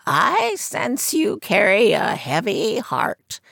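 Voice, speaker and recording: A woman voicing a mischievous old female fortune teller, slow and theatrical, with a croaking voice that sits higher and louder than her narration. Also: huge pitch swings, no room sound, studio quality, exaggerated voice. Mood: mystical.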